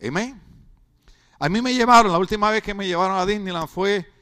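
A man's voice: sits high, a little fast, sharp tone. A male pastor preaching a humorous sermon, joking and chatty with rhetorical questions.

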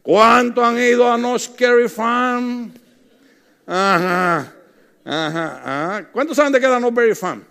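Middle-aged pastor guy preaching, jokey storyteller, high gravelly voice. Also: lively intonation, takes it slowly, fairly bright tone. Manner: humorous storytelling, calls out to the congregation. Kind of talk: sermon.

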